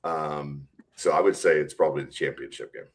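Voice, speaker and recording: Here the stadium announcer's voice rumbles low and moves fairly quickly. As an interview guest, he keeps his answers chatty and laughs often.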